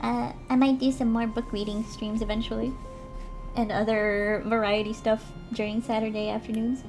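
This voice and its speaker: A woman streamer reading a fairy tale aloud gently, breaking off for chatty asides to her viewers. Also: on the high side, flat delivery, moderate pace, soft background music. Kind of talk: storybook narration with casual chat.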